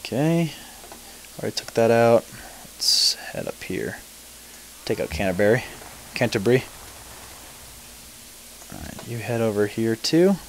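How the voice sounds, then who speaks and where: A man's voice: medium pitch, big pitch swings, a little slow, vocal fry, long pauses, slight background noise, low-quality recording. Man mumbling through game commentary. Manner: casual, mumbling, thinking aloud with mild swearing. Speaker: let's play gamer. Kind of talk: gameplay commentary.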